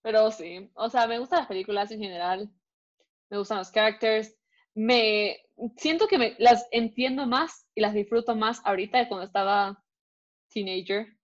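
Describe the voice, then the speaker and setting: A woman's voice: medium pitch, moderate pace. Young woman co-hosting a chatty podcast. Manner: chatty, mixes Spanish and English. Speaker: podcast co-host. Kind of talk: casual chat. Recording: dull lo-fi recording.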